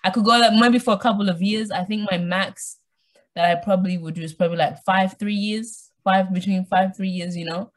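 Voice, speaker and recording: In a casual podcast interview, a young Australian woman born in Zimbabwe talks a little fast at medium pitch. Her storytelling is animated, with imagined lines of dialogue acted out and colloquial slang throughout.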